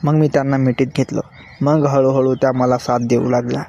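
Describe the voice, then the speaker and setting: A man narrating a story in the first person, in a steady scripted storytelling manner. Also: mid-range voice, brisk, creaky, highs cut off.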